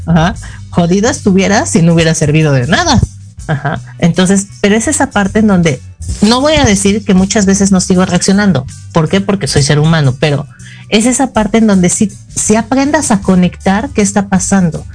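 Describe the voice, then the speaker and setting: A woman's voice: medium pitch, lively intonation, moderate pace, darkish tone, soft background music. A middle-aged woman with a Mexican accent, a psychologist co-hosting a casual talk show and explaining with frequent "ajá" fillers. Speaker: psychologist co-host.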